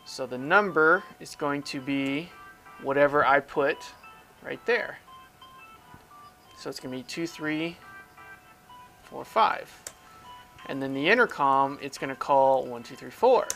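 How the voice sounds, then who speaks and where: In an informal, step-by-step tech lesson, a male instructor talks through each action as he performs it, regularly posing questions and answering them himself. His voice is a bit bright and pitched slightly above average, and music sits under it.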